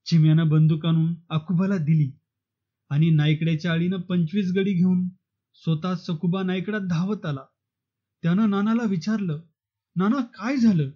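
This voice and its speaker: High-voiced male novel narrator. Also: normal speed, muffled recording. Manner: steady storytelling. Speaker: audiobook narrator. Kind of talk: novel reading.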